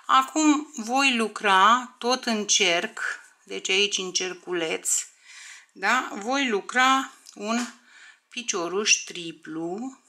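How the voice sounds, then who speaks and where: A woman's voice: medium pitch, pushed and bright. A woman teaching a crochet tutorial step by step, counting stitches aloud, often under her breath, and checking in with viewers.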